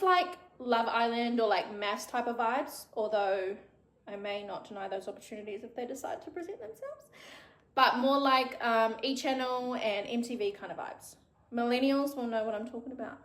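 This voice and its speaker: On her own podcast, a woman in her thirties with a New Zealand accent chats casually and frankly by herself, swearing freely. Her voice is a little high and sounds reverberant.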